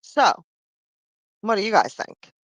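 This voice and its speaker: A woman's voice: medium pitch, sing-song, slow pace, fairly bright tone, no echo. Chatty woman hosting a live stream. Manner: chatty, rambling, frequent "I mean" and "right?". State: losing her voice. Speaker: livestream host. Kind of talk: casual live-stream chat.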